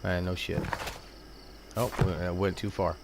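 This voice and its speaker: A man's voice: deep voice, steady tone, a little slow, noisy background. A man giving casual, crude, joking commentary over a video game. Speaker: gameplay commentator. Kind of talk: casual let's-play commentary.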